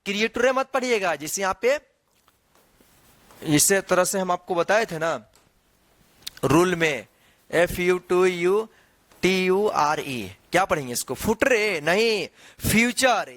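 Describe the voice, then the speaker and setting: Man, teacher, letter-by-letter spelling, dry close sound, lively pitch. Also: no room sound. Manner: spells words letter by letter, drawn out; asks and answers his own questions. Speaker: English teacher. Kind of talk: online spelling and reading lesson.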